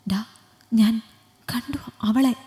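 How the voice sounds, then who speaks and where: A woman's voice: a little high, very slow, mellow. A woman voicing a loyal, protective male friend who speaks in an urgent, reassuring way. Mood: breathless. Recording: long hall reverb.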